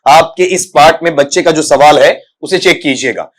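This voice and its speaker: A man teaching English for competitive exams, explaining patiently and repeating himself, fondly calling his students "beta" and slowly sounding out each speech sound. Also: fairly high pitch. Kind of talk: explaining a lesson to exam students.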